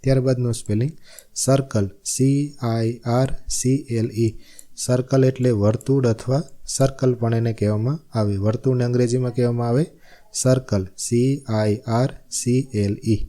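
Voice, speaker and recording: A man from Gujarat, India, with a Gujarati accent and a very dark, mellow voice leads a spelling lesson at normal speed with a mid-range pitch. He spells every word letter by letter and restates its meaning in a steady classroom rhythm.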